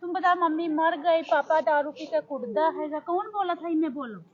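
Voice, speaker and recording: A woman's voice: high-pitched, normal speed, muffled recording. A woman, a mother, pleading with and scolding her child with repeated questions.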